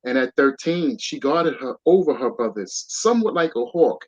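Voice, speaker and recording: At a moderate pace and mid-range pitch, a male guest author performs his rhyming children's tale, his verse bouncing with rhythm and lively emphasis. The sound is dull and lo-fi.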